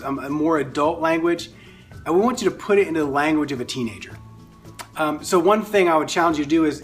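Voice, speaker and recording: A man with a slightly higher voice talks through instructions in a casual, friendly way. He hesitates often with fillers as he explains each step. Soft music plays faintly behind him. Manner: friendly, relaxed, filler-heavy. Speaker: ministry staff instructor.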